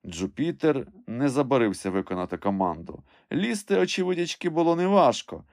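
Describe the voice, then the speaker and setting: A man reading an adventure story aloud as scripted narration, with expressive storytelling. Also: mid-range voice, fairly quick, no echo, clean studio sound. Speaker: audiobook reader.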